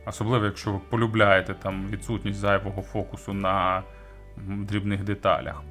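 A man reviews audio equipment conversationally in a lowish, monotone voice with a fairly bright tone. He hesitates often, draws out words, and punches up key phrases with emphatic jumps while background music plays.

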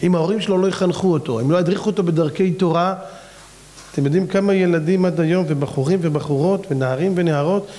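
Rabbi guy preaching hard, pretty high voice, throws question after question at you, voice jumps all over. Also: dark tone. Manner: fires off rhetorical questions with big pitch swings. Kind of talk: fiery sermon.

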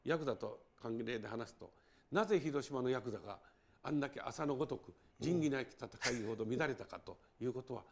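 An older man from Hiroshima, a documentary writer and guest, tells stories in a lively interview and acts out dialect speech. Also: mid-range voice, a little fast, vocal fry. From Hiroshima, Japan. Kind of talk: animated interview storytelling.

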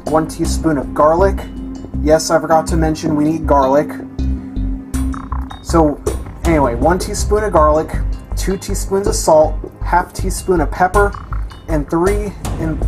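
A young man hosts a casual home cooking tutorial in his kitchen, talking through every step. His voice is a little high, and he often restarts and corrects himself.

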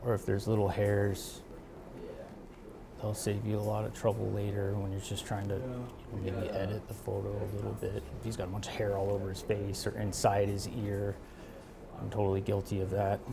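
A man in his thirties, a barber and shop owner, talking casually while he works, relaxed and rambling with many fillers, moving around the room away from the camera mic. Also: lowish voice, normal speed, gravelly, crowd noise. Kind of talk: casual talk while working. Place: barbershop with brick walls, indoors.

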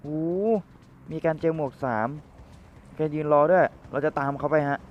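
Chatty young Thai man, slightly high-voiced. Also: moderate pace, lo-fi sound, slight background noise. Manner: playful and chatty, talks to viewers and teammates, excited outbursts. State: rough voice from cold weather. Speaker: gamer commentating his own match. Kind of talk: casual gameplay commentary.

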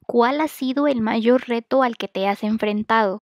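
A woman host reading a formal scripted introduction and interview questions clearly. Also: a little high, moderate pace, darkish tone, dry recording, clean studio sound.

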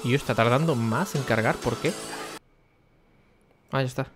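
A man's voice: mid-range voice, normal speed, music in the background. Chatty young man streaming. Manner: chatty, talks to viewers by name; speaking quietly for the neighbours. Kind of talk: casual stream chat.

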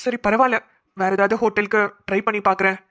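A woman's voice: mid-range voice, fairly even intonation, fast talker, a bit bright, lightly acted. A woman voicing a poor, polite young man in a homemade cartoon. He speaks humbly and deferentially. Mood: humble.

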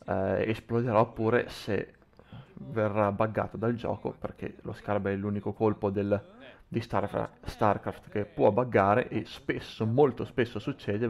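A man's voice: fairly low pitch, little pitch movement, unhurried, gravelly, a little mellow. A man giving live commentary on a video game match, often repeating and reworking his phrases as he goes. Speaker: esports commentator.

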